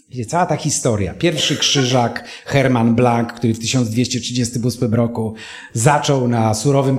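A Polish man in his fifties preaches a sermon woven with personal stories, earnest and emotional, addressing his listeners directly. His voice is mid-range and a little mellow, echoing in the room.

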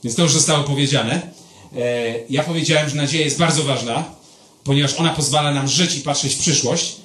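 Speaking briskly at a medium pitch, a pastor shares personal stories during his sermon. He keeps it lively and conversational, addressing his listeners directly.

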